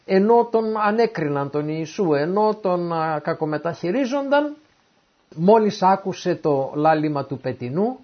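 A man preaching a sermon who reads scripture verses and then retells them in everyday words. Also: fairly high pitch. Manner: animated, acts out the quoted speakers. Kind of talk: sermon explaining a Bible passage. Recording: dull lo-fi recording.

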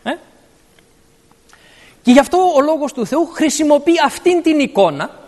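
High-voiced man preaching in a reverberant hall. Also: animated, a little mellow. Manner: explanatory, verse by verse. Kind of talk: sermon. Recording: long reverb of a large hall.

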